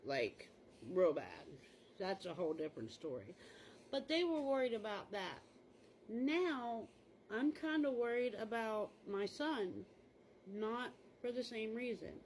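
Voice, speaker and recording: A woman's voice: on the high side, animated, unhurried, darkish tone, slight background noise, rough recording. A mother talking candidly in a rambling, casual monologue, full of "like" fillers, while changing clothes.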